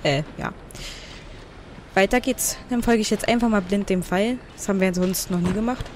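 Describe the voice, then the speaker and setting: A woman giving blind commentary on a video game, chatty, talking to the game and reading menu text out loud. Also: medium pitch, moderate pace, slight background noise. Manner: thinks aloud and reads game menu text out. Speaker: let's player.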